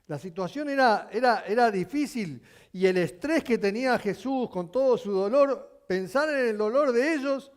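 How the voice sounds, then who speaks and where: A male pastor preaching a sermon, telling stories with animation and asking his congregation questions, at times rising to near shouting. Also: very high voice, expressive, moderate pace, hardly any pauses. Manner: addresses the congregation with frequent questions.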